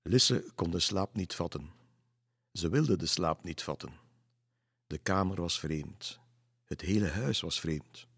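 A man reading a children's story aloud in a calm, measured way. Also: low voice, slightly rough, no room sound, studio quality.

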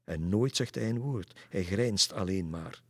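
A man's voice: lowish voice, expressive, a little slow, slightly rough, no echo, studio quality, full character voice. A man voicing a blunt, tidy village washerwoman in a storybook.

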